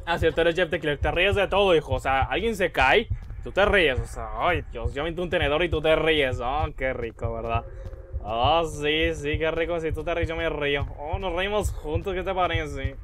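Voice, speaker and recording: Young man, high voice, let's play commentary, jumpy and excitable. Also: a little hiss or hum. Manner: excitable, yelps and squeals when scared. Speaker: gaming YouTuber.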